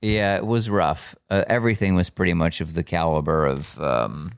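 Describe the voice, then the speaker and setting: A man with a very low, smooth voice trades dry, wry remarks while co-hosting a podcast. He sounds a little tired, speaking into a close microphone in a dead, dry room. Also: normal speed, no echo. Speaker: podcast co-host. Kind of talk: casual chat.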